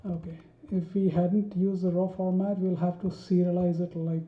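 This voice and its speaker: A woman walks through a programming tutorial at an unhurried pace, thinking aloud and stopping often for ums and restarts. Her voice sits on the low side for a woman. The recording is dull and roomy, with keyboard typing behind her. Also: level tone. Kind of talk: screen-recorded coding tutorial.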